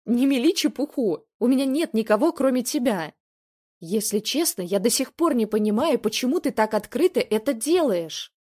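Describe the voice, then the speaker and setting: A woman's voice: a little high, lively intonation, moderate pace, dark tone, pitched above the performer's own voice. A woman reading the part of a smug, callous young man who cheats on his girlfriend, in a mocking tone. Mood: defensive. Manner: cold, mocking. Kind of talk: storybook reading.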